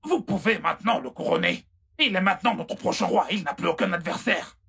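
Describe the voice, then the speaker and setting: A man dubbing a menacing royal schemer who speaks in a threatening, insinuating way with a gravelly, husky voice. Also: sits high, lively intonation, brisk, bright, forceful tone, full character voice. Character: menacing royal schemer hinting at a rival's death. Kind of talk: French film dub.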